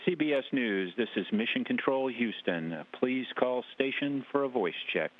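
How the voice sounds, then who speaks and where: A man makes clipped, procedural calls over a space-to-ground radio transmission. His voice sits at an ordinary middle pitch. The tinny, narrow radio link strips it down like a phone line. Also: lively intonation, a little hiss or hum. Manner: measured, formal radio call procedure. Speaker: mission control communicator.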